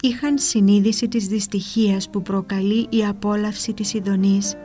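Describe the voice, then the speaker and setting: A woman narrating a religious book in a calm, measured, reverent reading. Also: mid-range voice. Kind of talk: devotional reading over soft guitar. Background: soft guitar music.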